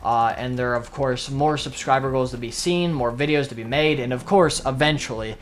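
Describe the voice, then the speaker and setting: A young man hosting his own channel, wrapping up a video in a casual, rambling way and pushing through it quickly. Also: medium pitch, a little hiss or hum. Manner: rambling and quick, admits he talks like an auctioneer. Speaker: channel host. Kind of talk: casual outro to the camera.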